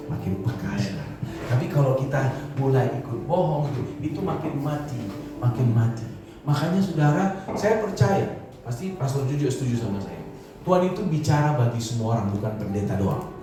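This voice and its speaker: Pastor preaching in an echoey hall. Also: male voice, medium pitch, recorded from a distance, noisy background. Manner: casual storytelling sermon with quoted voices and laughs. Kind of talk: sermon. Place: church hall.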